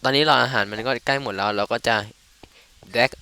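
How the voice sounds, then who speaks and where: Bright-voiced man, joking game commentary. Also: mid-range voice, a little fast. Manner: crude, joking, rambling. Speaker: gamer. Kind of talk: casual let's play commentary.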